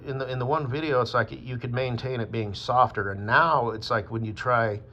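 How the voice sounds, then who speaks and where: Man from Wyoming, rambling monologue, lots of fillers, mid pitch, muffled lo-fi audio. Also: fairly even intonation, moderate pace, bright, forceful tone. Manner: meandering, full of fillers and swearing. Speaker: vlogger. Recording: dull lo-fi with faint ambience.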